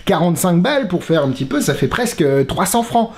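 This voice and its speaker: A man reviews a magic trick in a casual, exasperated way, swearing and laughing along. His pitch leaps around a lot. The room gives his voice a clear echo. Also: sing-song, fairly quick, a little mellow. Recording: roomy echo.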